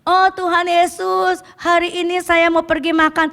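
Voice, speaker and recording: A woman's voice: very high-pitched, little pitch movement, normal speed, vocal fry, fairly bright tone, pitched above the performer's own voice, exaggerated voice. A woman voicing a lazy churchgoer pleading excuses to skip church, in a pleading, self-excusing tone. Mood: whiny pleading.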